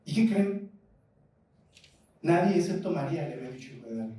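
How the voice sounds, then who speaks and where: Mexican pastor preaching in an echoey hall. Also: male voice, a little high, fairly quick. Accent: Mexican Spanish. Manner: lively preaching, asks the congregation questions. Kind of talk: sermon. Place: church hall. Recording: echoey church hall, mic at a distance.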